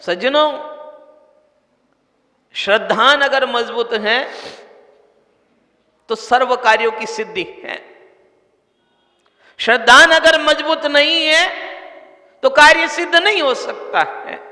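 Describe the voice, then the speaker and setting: A man's voice: very high voice, slow, long pauses, pushed and bright. A man preaching a sermon, addressing the audience earnestly and directly. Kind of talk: Hindi sermon. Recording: echoey hall with long reverb.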